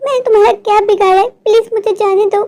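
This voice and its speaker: In this storybook drama, a woman plays a stubborn young office worker who pleads and frets, close to tears. Her voice sits very high. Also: steady tone, quick pace, dark tone. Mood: pleading. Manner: pleading and anxious, often near tears. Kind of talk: storybook voice acting.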